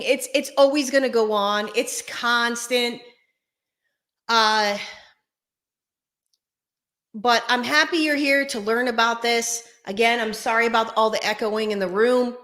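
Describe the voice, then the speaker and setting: Slow, bright woman in an echoing room. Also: mid-range voice. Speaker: host. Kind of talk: casual direct-to-viewer advice talk. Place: echoey room without carpets or soundproofing. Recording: echoing bare uncarpeted room, faint music.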